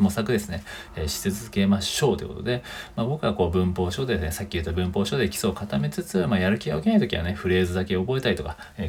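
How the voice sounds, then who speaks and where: A man's voice: fairly low pitch, a little mellow, breathy edge. A man from Japan hosting a solo podcast, talking casually through points from his own blog with many fillers and chatty tag particles. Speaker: podcast host.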